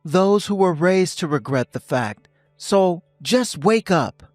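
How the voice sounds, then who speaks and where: A man's voice: high voice, lively intonation, takes it slowly, darkish tone, dry recording, soft background music. A man playing a cold, lecturing husband. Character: stern husband ending a toxic marriage.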